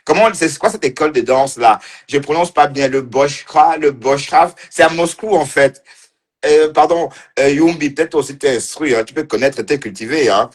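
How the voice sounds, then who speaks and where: A man's voice: on the high side, lively intonation, moderate pace. Mocking man in casual livestream commentary. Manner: mocking and teasing, laughing often, repeating phrases. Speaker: online commentator.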